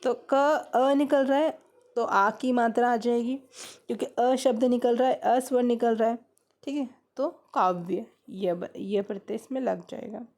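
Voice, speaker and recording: Slow, gravelly-voiced woman teaching grammar. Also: a little high, steady tone, darkish tone. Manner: repeats questions to students, explains step by step. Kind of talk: grammar lesson.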